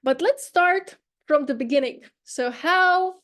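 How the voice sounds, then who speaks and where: A woman from Poland, giving an academic conference presentation in a hesitant way with many pauses and fillers. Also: high-pitched, a bit bright.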